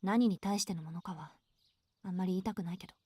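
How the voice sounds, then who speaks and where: An actress voicing a proud, sharp-tongued young woman in an anime-style visual novel, curt and scolding. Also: on the low side, racing, husky, dry recording. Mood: cool. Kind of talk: anime game voice acting.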